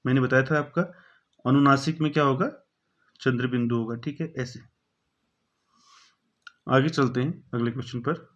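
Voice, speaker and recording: A man at a middle pitch leads an exam-prep grammar lesson, reading out each question, asking it again and answering it himself. He leans on a steady "okay" between points. The sound is slightly dull and lo-fi. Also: moderate pace, long pauses. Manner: repeats each question, fills with "thik hai". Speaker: teacher.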